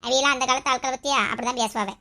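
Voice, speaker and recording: A woman performing several village characters in a comedy skit, bantering and scolding quickly. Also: high-pitched, steady tone, pushed and bright. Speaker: sketch performer.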